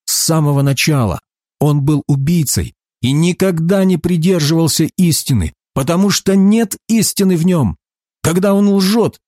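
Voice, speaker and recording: An earnest male teacher speaking with solemn emphasis, as a reader voices him. The voice sits fairly high and moves a lot in pitch, with a dry, close sound. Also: darkish tone, no echo.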